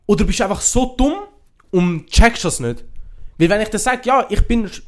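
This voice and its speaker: Expressive and moving at a moderate pace, a young Swiss man with a fairly high-pitched voice and Swiss accent keeps things conversational. His casual chat, full of youthful slang and English expressions, sounds like a podcast co-host bantering with a friend.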